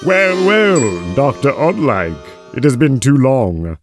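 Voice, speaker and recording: A man's voice: mid-range voice, sing-song, takes it slowly, faint music behind. A man playing a dry, secretive schemer in a comic audio drama, formal, terse and disapproving. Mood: wry, ominous.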